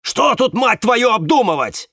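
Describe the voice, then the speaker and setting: A man reading an audiobook, voicing a hot-tempered man who shouts and swears. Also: extremely high pitch, big pitch swings, a little slow, dry recording, studio quality, voice pushed up, exaggerated voice. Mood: furious. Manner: shouting, cursing.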